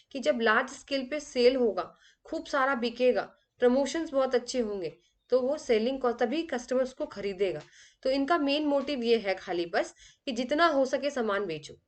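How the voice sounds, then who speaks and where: Woman teacher. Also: high-pitched. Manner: explains with everyday examples, calls students "beta"; reads English questions slowly, then explains in Hindi. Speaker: commerce exam teacher. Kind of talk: exam revision lesson.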